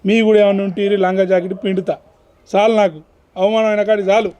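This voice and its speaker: Proud high-voiced Telangana village man. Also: little pitch movement, fast, a little mellow. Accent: Telangana Telugu. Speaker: son-in-law in a village comedy. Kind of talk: village comedy acting.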